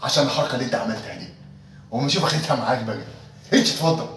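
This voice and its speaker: Rapid-fire and fairly bright, his medium-pitched voice has lively intonation as he plays a sketch's office manager. The man's Egyptian Arabic accent carries a syrupy, mock-loving sarcasm. The audio comes from a distant mic in an echoey room with faint noise.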